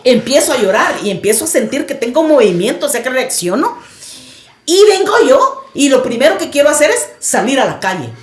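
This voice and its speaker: A woman's voice: high voice, sing-song, fairly quick, roomy sound. A woman guest on a podcast recounting a personal experience in vivid, dramatic storytelling.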